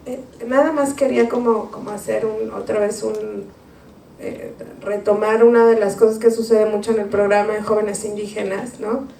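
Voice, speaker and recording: A woman's voice: mid-range voice, steady tone, moderate pace, vocal fry, dark tone. A woman speaking in a spontaneous academic discussion, hesitant with many restarts and tag questions. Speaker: university panelist. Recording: echoey room, distant mic, faint noise.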